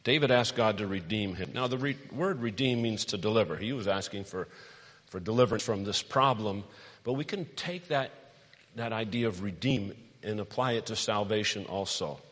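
A middle-aged male pastor preaching a sermon, animated, telling stories and asking the congregation questions. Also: lowish voice, moderate pace. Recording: long hall reverb.

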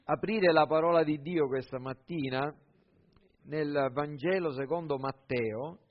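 Pastor, male, slow, deliberate sermon delivery with frequent pauses, somewhat high voice, dull lo-fi sound. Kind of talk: sermon with scripture reading.

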